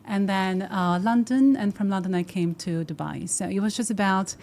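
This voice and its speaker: A woman's voice: mid-range voice, moderate pace, darkish tone. A woman from Slovakia, answering interview questions as a finance professional in fluent but English. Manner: fluent but non-native phrasing, frequent fillers and restarts.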